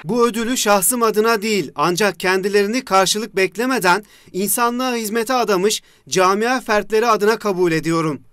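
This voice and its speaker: A man's voice: sits high, moderate pace, hardly any pauses, a bit bright, clear, resonant tone, no room sound, clean studio sound, a faint crowd. A man gives a formal scripted reading of a written statement as a voice-over. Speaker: voice-over reader.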